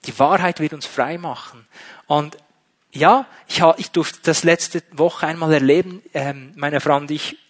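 A man's voice: on the high side, measured pace. A man preaching a sermon, emphatic and full of rhetorical questions.

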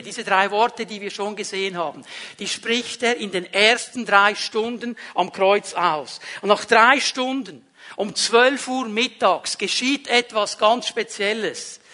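High bright-voiced preacher. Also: male voice. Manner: emphatic, building to loud repeated phrases. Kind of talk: sermon.

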